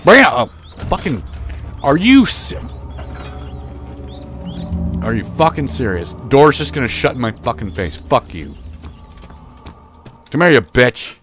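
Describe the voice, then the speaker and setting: A young man doing horror game commentary, cursing constantly and jumping between low grumbling and panicked yelps. His voice swoops widely in pitch, and he talks slowly and draws out his words. Faint music plays behind him. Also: sing-song. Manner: profane, panicky, swearing and shouting at monsters. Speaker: game streamer.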